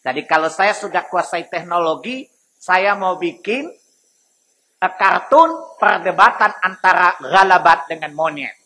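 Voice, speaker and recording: A man's voice: sits high, measured pace, sharp tone, rough recording. A male preacher teaching a sermon lesson in a mosque, joking and asking his listeners questions as he goes. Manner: joking, asks the audience questions.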